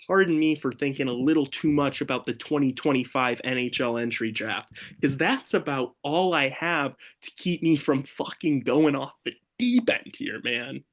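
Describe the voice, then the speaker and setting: A young man ranting on a late-night sports podcast, exasperated and swearing freely. His voice sits at an ordinary middle pitch and he talks in a loose, casual chat style. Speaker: podcast co-host.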